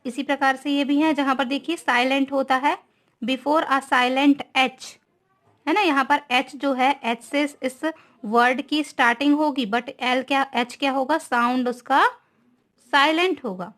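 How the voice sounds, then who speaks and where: A woman's voice: sits high, fairly bright tone. A woman teacher giving a grammar lesson, asking questions and answering them herself. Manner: slow, asks and answers own questions.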